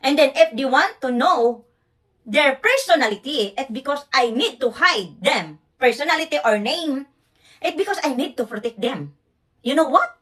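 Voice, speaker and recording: A woman with a Filipino accent rants at her livestream audience in broken English. Her voice sits a little high, and she keeps restarting sentences as she defends herself indignantly. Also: animated, moderate pace, a bit bright, poor audio. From Philippines. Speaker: live streamer running a charity stream.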